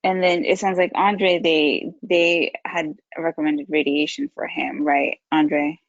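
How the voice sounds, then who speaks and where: A woman with a slightly low voice talks casually in a support group. Her call audio is dry and a bit muffled. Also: fairly even intonation, measured pace, no room sound.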